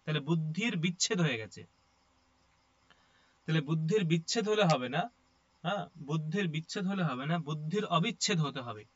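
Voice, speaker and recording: In this muffled recording, a Sanskrit teacher delivers an explanatory lecture at a moderate pace, his fairly high voice rising and falling in a lively way with long pauses. He walks the class through each step and keeps asking "ঠিক আছে?" to make sure they're following.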